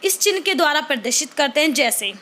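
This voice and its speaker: Fast-talking and expressive, this young online teacher has a high, bright, forceful voice. She preps students for a teacher-training exam in a chatty Hindi-English lecture, often dropping in "dekhiye" ("see") and "theek hai" ("okay").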